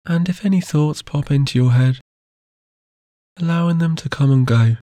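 Male sleep-meditation guide: soft, unhurried, warm and low-key, close and dry. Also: dry recording. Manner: slow, soft and soothing.

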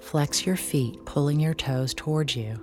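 Casting: low-pitched female sleep story narrator for guided relaxation, soothing, unhurried, gently paused, over music. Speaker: relaxation exercise instructor.

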